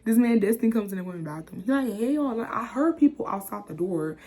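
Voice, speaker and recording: A young woman from the chatting casually through a storytime vlog, dropping into whispers and jumping high when she acts out what people said. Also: quick pace. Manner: animated, acts out quotes with sudden whispers and high squeals. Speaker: vlogger.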